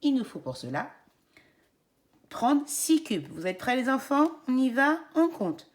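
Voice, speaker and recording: A woman's voice: high voice, big pitch swings, unhurried. A woman teaching young children like a kids show host, leading a counting game in an encouraging, singsong, didactic way. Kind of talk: educational demonstration addressed to young children.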